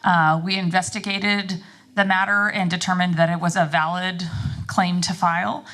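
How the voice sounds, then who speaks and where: A woman presenting as an executive director, giving a semi-formal, halting explanatory briefing to a board. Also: on the low side, little pitch movement, fairly bright tone. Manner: halting, explanatory, frequent ums and repeats.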